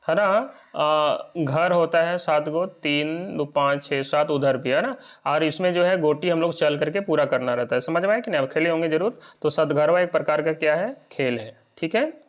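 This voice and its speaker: A man's voice: fairly high pitch, normal speed. A man teaching an exam lesson. He often checks whether his listeners are following.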